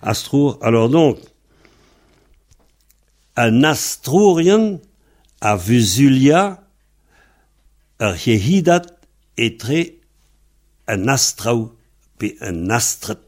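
A man's voice: mid-range voice, sing-song, drawn-out words, pauses often, a little mellow. A man teaching a Breton language lesson in French, patiently spelling words out letter by letter.

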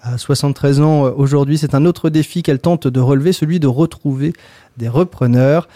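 Halting male radio host, dry sound. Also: on the high side, dark tone, dry recording. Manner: halting questions with fillers. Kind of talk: radio interview.

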